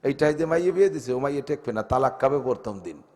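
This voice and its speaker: Man preaching a waz sermon, gopalganj bengali accent, shouts then coaxes, big reverby hall. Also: lively intonation, fast talker. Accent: Gopalganj Bengali dialect. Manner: swings from shouted high exhortation to soft coaxing questions.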